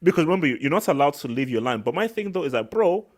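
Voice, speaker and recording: A man hosting a casual live football reaction chat, slangy and animated, repeating words for emphasis. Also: on the high side, racing. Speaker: live stream host.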